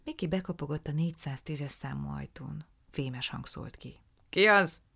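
Egy nő krimit olvas fel hangoskönyvként, mély, érdesen recsegő hangon. Gyakran suttogóra halkul, visszafogottan, feszesen meséli a történetet. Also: female voice, low voice, vocal fry, mellow, slightly rough. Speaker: audiobook narrator. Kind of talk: scripted narration of a crime story.

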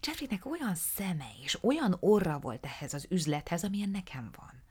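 A woman's voice: fairly low pitch, big pitch swings, a little mellow, breathy edge, pitched above the performer's own voice, full character voice. A woman voicing a fussy, theatrical little male art dealer who talks in a flowery, gushing way. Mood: confiding.

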